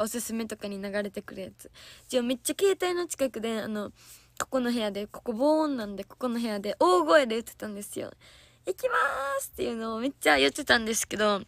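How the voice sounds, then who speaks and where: Casting: young woman, Kansai accent, hoarse today, bright edge, giggly livestream chat. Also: a little high, no room sound. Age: young adult. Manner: giggly, chatty, answering viewer comments. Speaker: idol trainee. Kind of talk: casual livestream chat with viewers. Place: soundproof lesson room.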